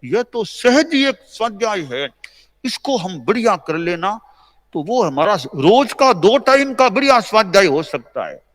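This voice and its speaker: A man with an Indian accent giving a conversational, gently instructive sermon, repeating his points and chanting recited verses slowly. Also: high voice, big pitch swings. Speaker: Jain spiritual teacher. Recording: long reverb of a large hall.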